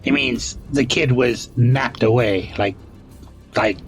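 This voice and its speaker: A man's voice: medium pitch, slow pace, a little hiss or hum. A man voicing Fuzz, a buff teddy bear toy, who patiently over-explains things in an earnest tone. Faint music plays behind him.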